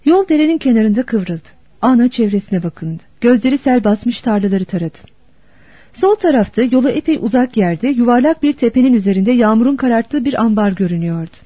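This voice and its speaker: A woman narrating a novel as an audiobook in a steady, expressive storytelling manner. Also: fairly high pitch, a little fast, husky, no room sound. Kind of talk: scripted narration. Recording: dull dry lo-fi recording.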